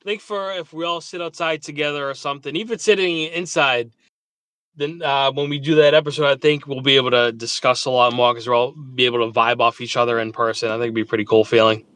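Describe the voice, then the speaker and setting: A man's voice: mid-range voice, fairly even intonation, fast, a bit bright, dry recording. A man co-hosting a podcast in casual chat, emphatic and swearing freely as he praises music. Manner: emphatic, profane, enthusiastic. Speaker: podcast co-host.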